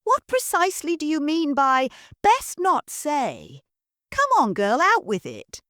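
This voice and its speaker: A woman's voice: sits high, wildly swooping pitch, unhurried, a bit bright, no echo, clean studio sound, pitched above the performer's own voice, heavily acted. A woman playing a haughty snappish lady of the house. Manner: snappish, bossy, prim.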